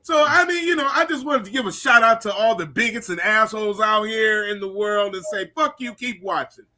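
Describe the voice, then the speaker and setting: A high, very bright man's voice cuts through a casual group chat. He speaks emphatically and gets loud and indignant in bursts. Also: a little fast. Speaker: comedian and show regular.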